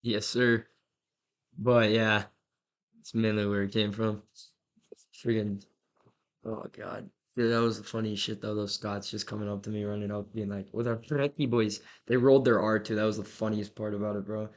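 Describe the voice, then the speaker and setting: A young man hosting a casual podcast, telling stories in a relaxed, joking way with lots of fillers. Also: on the low side, normal speed. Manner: laid-back, filler-heavy, joking storyteller. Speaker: podcast host.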